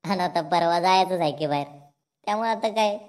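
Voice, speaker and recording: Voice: mid-range voice, a little fast, close to an everyday voice. A voice actor playing a cocky jailed village thug in a cartoon, smug and mocking. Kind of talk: cartoon dialogue.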